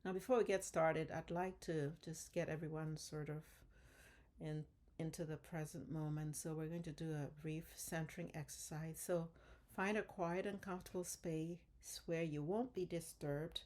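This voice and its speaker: A middle-aged woman from Ghana leads a webinar as a dentist and coach, in a low, mellow voice. She moves through her prepared material at a measured, deliberate pace. Her delivery stays steady and even from point to point. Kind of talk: scripted webinar presentation.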